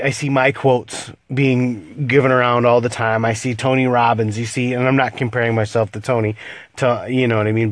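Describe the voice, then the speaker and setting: A man's voice: medium pitch, dry recording, clean studio sound. A man with a stuffy, nasal voice from a cold, talking earnestly to his viewers in a casual vlog and repeating himself as he warns them. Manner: earnest, cautionary, repeats words and restarts.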